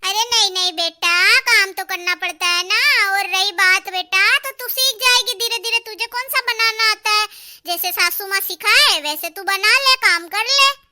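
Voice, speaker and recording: A woman voicing a patient middle-aged mother in a cartoon, soothing and gently scolding her married daughter. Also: very high voice, measured pace, heavily acted. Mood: coaxing. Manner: coaxing, keeps calling her daughter "beta". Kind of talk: cartoon dialogue.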